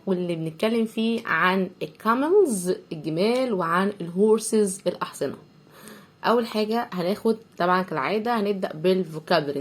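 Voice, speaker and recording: A woman with an Egyptian Arabic accent teaching English vocabulary to young pupils, sounding words out letter by letter and repeating each one several times. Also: medium pitch.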